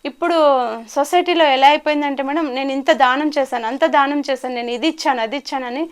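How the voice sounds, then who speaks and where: A woman's voice: sits high, fast talker. A woman life coach in an interview, telling stories and acting out the quoted lines. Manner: animated storyteller, acts out quoted lines. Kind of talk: storytelling in an interview.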